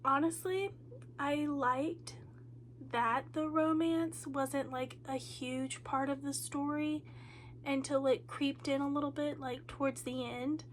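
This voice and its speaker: Slow and steady in tone, this high-voiced booktuber is nasal and congested from a cold and comes across tired and drained. She rambles casually through a reading update vlog with many ums and likes. Some slight background noise is present.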